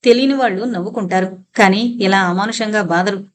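A woman narrator voicing a calm, solemn man who speaks in a measured, grave way in an audio novel. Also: high-pitched, close to an everyday voice. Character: grave, calm middle-aged local man.

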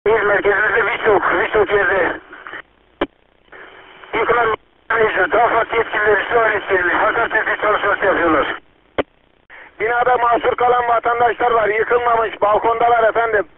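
A man's voice: high-pitched, steady tone, normal speed, long pauses, phone-quality sound. Man's urgent voice over police radio. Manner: urgent formal radio reports. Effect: police radio transmission. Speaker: police dispatcher at headquarters. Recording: crackly radio with heavy static.

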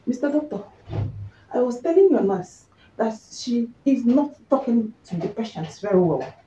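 A woman's voice: on the high side, expressive, mellow, slight background noise, close to an everyday voice. A woman playing a fussy Nigerian pregnant patient. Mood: indignant. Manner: scolding, indignant, fast rants. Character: loud fussy pregnant woman complaining at a hospital. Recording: roomy, distant, dull home recording.

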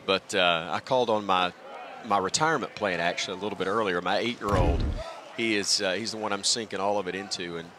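This middle-aged man talks briskly in a low voice, hardly pausing, over a noisy background. A radio play-by-play announcer, he's a guest in a broadcast booth interview at a baseball stadium press booth, self-deprecating and reflective. His broadcast headset catches the outdoor ballpark ambience too.

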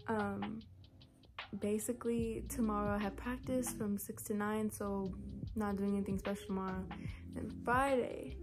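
A teenage girl from California chatting casually to her phone camera, filling her talk with "like". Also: mid-range voice. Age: teens. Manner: chatty, lots of "like". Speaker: vlogger. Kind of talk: casual vlog chat. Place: at home, then outdoors with friends.

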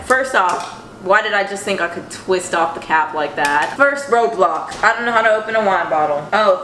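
A woman's voice: lowish voice, sharp tone, slight background noise. A woman in her twenties chatting casually to camera in her home kitchen, rambling and playful. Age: 20s. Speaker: vlogger. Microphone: fixed camera on counter. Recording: echoey kitchen room.

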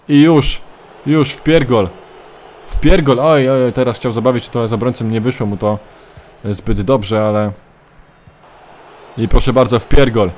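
A man gives playful let's-play commentary over a football game, shifting from easy chatter to shouted play-by-play whenever his striker scores. His voice sits at a middle pitch for a man, and faint game sound plays behind him. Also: a little hiss or hum. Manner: excitable mock sports commentary, shouting at goals. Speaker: gaming YouTuber.

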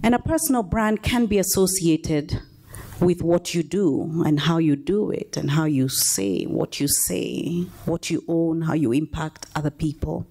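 A middle-aged woman from Kenya addresses a hall from a podium through a handheld mic. Her voice sits low and mellow, and she speaks at an unhurried pace. She draws the audience in with questions. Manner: engaging, quizzes the audience. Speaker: guest speaker. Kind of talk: motivational talk to an audience. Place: university event hall at a podium. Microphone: handheld microphone.

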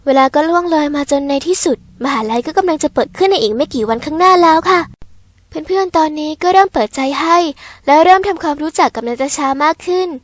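A woman reading a first-person audio novel aloud in a gentle, polite storytelling manner. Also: high voice, fast, dry recording.

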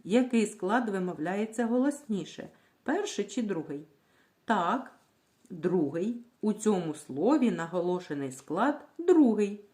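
Slow, lively-voiced woman teaching syllables. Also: mid-range voice. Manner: slow, clear, drawing out words syllable by syllable; asks questions and answers them herself. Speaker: primary school teacher. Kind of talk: literacy lesson for young children.

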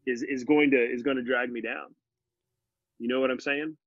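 A man in his forties joins a podcast as a guest over a video call, speaking from his living room lined with bookshelves. His mid-range voice stays fairly even at a moderate pace, and though he's earnest and animated in this casual interview, the laptop mic leaves the audio muffled and dry, with no room sound.

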